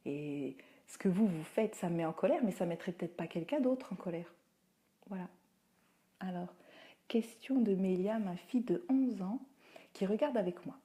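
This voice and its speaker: Warm-voiced woman answering viewers live. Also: mid-range voice, expressive, moderate pace. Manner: chatty, answers viewers' comments, many fillers; acts out what she tells children. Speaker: parenting coach and teacher. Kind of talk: Facebook live Q&A, casual advice. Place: at home.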